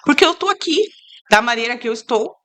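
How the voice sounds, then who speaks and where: A woman from Brazil, a guest in a casual interview, telling her story in an earnest, heartfelt way and turning lively when she quotes other people. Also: on the high side, fast. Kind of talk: casual interview, faith testimony.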